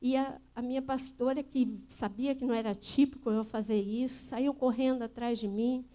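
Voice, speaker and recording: A Brazilian woman pastor giving a sermon at a church service, telling a personal story in an earnest way that builds to forceful emphasis. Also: a little high, steady tone, normal speed.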